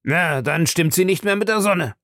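A man voicing a sly, calculating police agent who keeps probing with smooth questions in a storybook reading. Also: high voice, expressive, normal speed, fairly bright tone, dry recording, studio quality, pitched above the performer's own voice.

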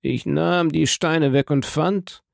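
A man puts on a humble old prison guide for an audiobook, his voice pushed higher and set a little apart. The guide sounds deferential and full of wonder, with a gravelly grain underneath. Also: slow, no echo, studio quality, exaggerated voice. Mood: eager. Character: humble old jailhouse guide, eager, awed. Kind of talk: audiobook character reading.

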